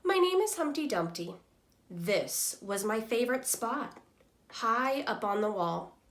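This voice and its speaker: A woman voicing an earnest, timid but persevering storybook egg, telling his own story expressively. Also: a little high. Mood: wistful. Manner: slow, expressive first-person storybook telling.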